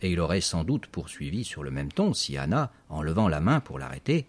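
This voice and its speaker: Very deep husky male narrator. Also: brisk. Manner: expressive storytelling, lively emphasis. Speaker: audiobook narrator. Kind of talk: scripted story narration.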